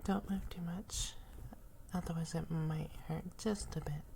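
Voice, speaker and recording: A woman playing a teasing, caring young woman in a whispered role-play for ear cleaning ASMR, speaking softly and breathily in a gentle, chatty way. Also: low-pitched, steady tone, a little slow, gravelly, a little hiss or hum.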